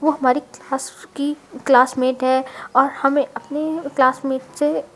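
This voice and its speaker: A woman's voice: high voice, flat delivery, measured pace, slight background noise. Wangji, a cold young man, read by a woman. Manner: curt and blunt.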